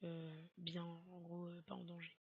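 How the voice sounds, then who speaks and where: A woman giving let's play commentary on a horror game, swearing a lot and breaking into panicky shouts. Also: lowish voice, monotone, measured pace, creaky, husky, no echo, phone-quality sound. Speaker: gamer playing a horror game.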